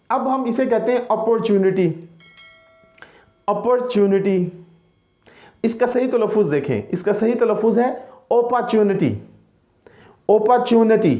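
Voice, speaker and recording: Using slides, a man with a high, mellow voice works through English pronunciation, patiently repeating each word and checking in with his audience.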